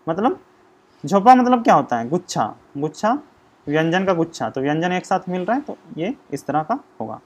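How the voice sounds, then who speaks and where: A man teaching an exam-prep grammar lesson, explaining slowly and sounding out syllables one by one. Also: on the high side. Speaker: language teacher.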